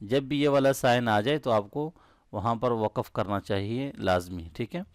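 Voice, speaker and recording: A man teaching recitation step by step. He chants each verse slowly and melodically, then explains the rules quickly in a lower voice, often checking in with the listener. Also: no echo, clean studio sound.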